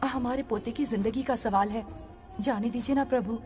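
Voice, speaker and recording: A woman's voice: fairly high pitch, normal speed, a little mellow, long reverb tail, soft background music, lightly acted. An actress dubbing an old grandmother ghost who coaxes and pleads persistently. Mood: pleading. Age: older. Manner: coaxing, persistent. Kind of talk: Hindi film dub.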